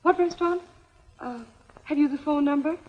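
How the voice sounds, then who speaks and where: Actress as a high-pitched, fluttery screwball comedy woman. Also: normal speed, highs cut off, lightly acted. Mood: flustered, insistent. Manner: fluttery, hesitant. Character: flustered young society woman in screwball comedy. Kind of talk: 1930s screwball comedy film banter. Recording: old 1930s film soundtrack.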